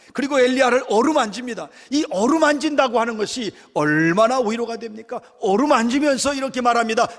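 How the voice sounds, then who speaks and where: A male pastor with a fairly high voice delivers a fervent sermon from the pulpit. His words ring out through a church sanctuary with a long, lingering reverb. He leans into emotional emphasis and slows down on key phrases. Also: a bit bright. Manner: fervent preaching that acts out quoted prayers.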